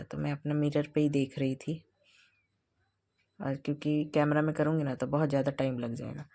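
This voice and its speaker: Low-voiced gravelly woman vlogging casually. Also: mellow. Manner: chatty, hurried, addresses viewers as guys. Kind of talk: casual vlog chat. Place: at home.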